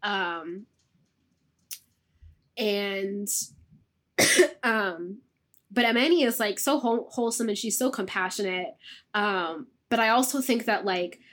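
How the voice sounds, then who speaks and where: A young woman from a Moroccan family talks casually as a guest author, peppering her sentences with "like" and asking "right?" as she goes. Her pitch sits in a middle range, and she speaks over a video call. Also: slow pace, pauses often, fairly bright tone. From Moroccan family, raised in diaspora. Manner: chatty, many "like" and "right?" tags. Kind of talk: casual interview chat.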